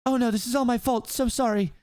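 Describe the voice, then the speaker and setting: A man's voice: extremely high pitch, fairly even intonation, quick pace, a little mellow, clean tone, no room sound, clean studio sound, pitched above the performer's own voice. A man voicing a feisty young princess with a prim, assertive manner, polite but bossy. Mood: concerned.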